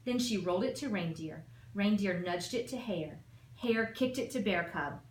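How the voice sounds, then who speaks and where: A woman with a medium-pitched, darkish, expressive voice reads a children's book aloud at a moderate pace. She is an assistant principal telling the story with rhythm and emphasis, in an echoey room with faint noise.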